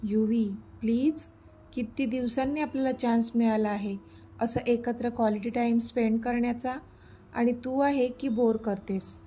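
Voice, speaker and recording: A woman's voice: on the high side, fairly even intonation, moderate pace, dark tone, breathy edge. A woman voicing a playful young man who teases and pleads with his girlfriend in a read-aloud story. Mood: pleading.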